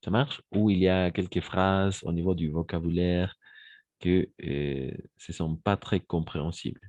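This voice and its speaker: Slow, deep-voiced French teacher. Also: male voice, fairly even intonation, darkish tone, no echo, highs cut off. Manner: slow, repeats phrases and switches into Spanish to explain. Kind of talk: online French lesson for Spanish speakers.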